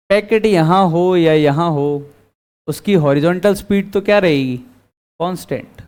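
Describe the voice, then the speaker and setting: In a classroom physics lecture, a man with a fairly high, darkish, smooth voice quizzes his students and then answers his own questions.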